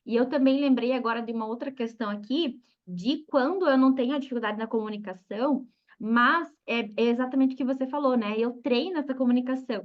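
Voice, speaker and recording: A Brazilian woman with a somewhat high voice hosts an interview, thinking aloud and tagging sentences with "né?". Her audio is dull and lo-fi, like a video call. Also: fast talker. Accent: Brazilian Portuguese. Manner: frequent "né?" tag questions, reflective. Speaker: host, psychologist. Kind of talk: interview conversation.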